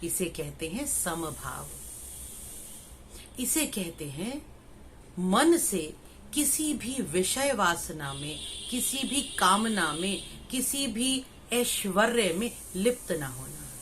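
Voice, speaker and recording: A woman's voice: medium pitch, very animated, slow, a bit bright, slight background noise. A middle-aged woman, a spiritual teacher, explains scripture with homely examples and rhetorical questions. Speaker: Gita teacher and spiritual life coach. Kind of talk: slow spiritual discourse on scripture.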